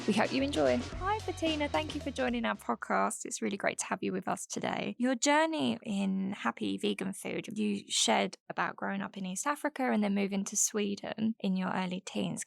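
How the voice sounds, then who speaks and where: A woman hosting a podcast, reading a measured prepared introduction before asking her guest questions. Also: mid-range voice, creaky, no echo, faint music behind. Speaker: podcast host and interviewer.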